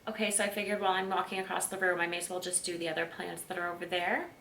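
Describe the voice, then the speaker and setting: A woman's voice: lowish voice, fairly even intonation, very fast, pushed and bright. A woman giving a casual tour of her home, chatting and gushing with lots of fillers. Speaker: plant vlogger. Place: room in her home, indoors. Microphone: camera mic across the room. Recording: roomy and distant with faint ambient noise.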